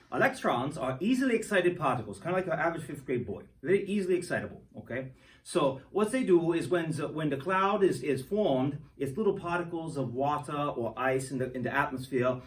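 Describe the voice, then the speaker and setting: A man's voice: on the high side, recorded from a distance, low-quality recording. A man hosting a goofy hands-on science demo for kids, joking and rambling with lots of restarts. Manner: playful, jokey, rambling with restarts. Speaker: science show host.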